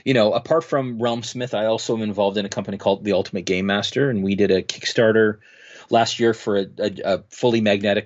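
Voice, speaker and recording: Man, low voice, rambling, lots of ums, muffled lo-fi sound. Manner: rambling, many fillers and restarts. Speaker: guest, game master. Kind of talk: casual interview talk.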